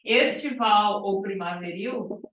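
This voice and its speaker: A woman's voice: medium pitch, slow, a bit bright. A female biology teacher lecturing a class, explaining step by step and checking in with "tá?". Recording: echoey classroom, far from mic.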